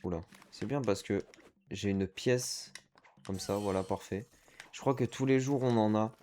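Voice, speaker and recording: A man's voice: on the low side, a little slow, mellow, a little hiss or hum. A man giving chatty let's-play commentary as a gaming streamer, reacting aloud to the game and dropping English slang.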